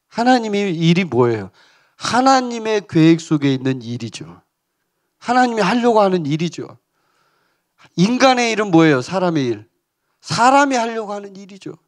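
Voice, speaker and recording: A pastor preaching a sermon with emphasis, calling out to his congregation and acting out the lines he quotes. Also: high voice.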